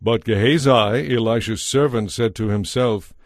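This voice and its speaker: Over faint music, a man reads a dramatized audio Bible story in a mid-range voice at a moderate pace. The close, dry studio microphone leaves no room sound.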